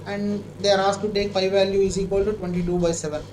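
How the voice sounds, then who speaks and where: A high-voiced man with an Indian accent teaches maths live online, talking through each step of a problem. He often repeats himself and checks that learners follow. The sound is echoey, with clear noise behind him. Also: little pitch movement, fast talker, a little mellow. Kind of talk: live online lesson, working a problem aloud.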